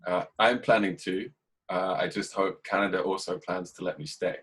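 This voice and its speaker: An English man hosting a podcast, talking in a casual, reflective way and keeping a dry, even tone even when he jokes. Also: low voice, moderate pace, slightly rough, low-quality recording. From England. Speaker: podcast host. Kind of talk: casual conversation.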